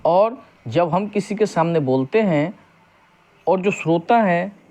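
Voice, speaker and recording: A male teacher gives a grammar lesson at an unhurried pace, with a slightly high voice. He explains each point step by step, then asks a question and answers it himself. He reads the example sentences slowly and deliberately. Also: expressive, darkish tone.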